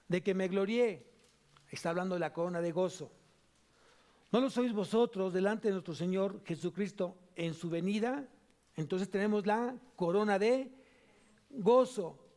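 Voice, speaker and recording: A man with a Mexican Spanish accent preaching a sermon in church as pastor, emphatic, repeating key phrases and moving between loud and soft delivery. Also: high voice. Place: church sanctuary.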